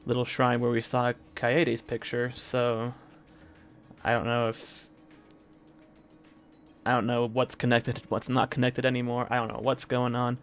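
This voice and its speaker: A man live-streaming a video game, talking casually with a scratchy, hoarse throat and a rambling manner full of fillers and restarts. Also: medium pitch, monotone, measured pace, soft background music.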